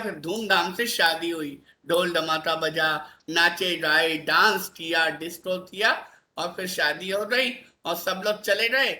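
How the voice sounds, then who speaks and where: A man teaching a class, his voice bright and ringing. He keeps checking on the pupils with little tag questions, coaxing answers out of them in an easy classroom way. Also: sits high. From India. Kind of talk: classroom lesson.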